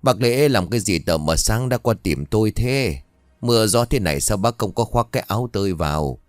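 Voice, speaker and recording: Puzzled village father, questioning, low voice, a man plays him. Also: lively intonation, fairly quick, dry recording, clean studio sound, close to an everyday voice.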